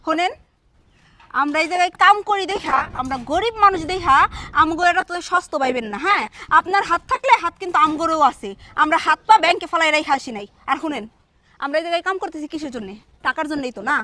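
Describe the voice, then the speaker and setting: Woman acting as a defiant female laborer, indignant and firm, high bright quick voice. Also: expressive, slight background noise, full character voice. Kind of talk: short-film drama acting.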